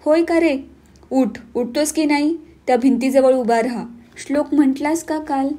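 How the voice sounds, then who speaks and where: Lady reading a hot-tempered but kind village dad, sharp scolding, warm tone, audiobook. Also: high-pitched, steady tone, moderate pace, close to an everyday voice. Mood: angry.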